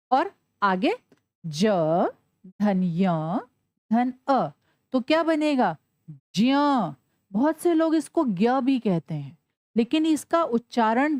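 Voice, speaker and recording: A woman teaching children a Sanskrit lesson in a slightly high voice that rises and falls a lot. She asks questions and answers them herself, and spells out letters slowly. The sound is dry and close, with no room echo. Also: a little mellow. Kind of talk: classroom lesson.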